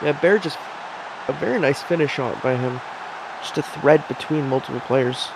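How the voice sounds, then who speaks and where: A man's voice: on the high side, normal speed, gravelly, noisy background. A young man giving casual, rambling commentary on a simulated soccer match, with chatty self-deprecating asides.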